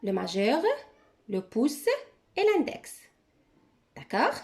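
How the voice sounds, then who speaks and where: A woman's voice: on the high side, sing-song, a little mellow. A woman teacher giving a handwriting lesson, explaining each stroke patiently, step by step. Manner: slow, patient step-by-step instruction.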